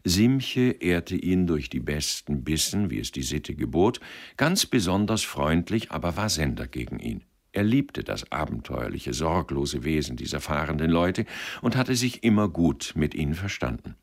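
Male audiobook narrator, extremely low, creaky, lively inflection. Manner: measured, expressive. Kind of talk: audiobook reading of literary fiction.

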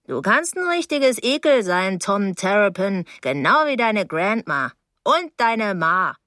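A woman's voice: mid-range voice, big pitch swings, slow, a bit bright, dry recording, clean studio sound. A woman voicing a nosy old landlady with heart trouble who nags and scolds while out of breath. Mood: scolding.

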